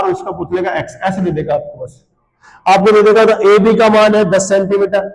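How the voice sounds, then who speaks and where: High-voiced shouting male maths teacher. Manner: quizzes the class in call-and-response, often shouting answers. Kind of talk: classroom lecture. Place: classroom. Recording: long hall reverb.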